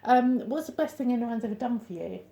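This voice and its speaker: A woman hosts a casual interview, asking questions in an upbeat, encouraging way. Her voice is mellow and gravelly. The sound carries a roomy echo. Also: on the high side, lively intonation. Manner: upbeat, encouraging, quick responses. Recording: echoey room.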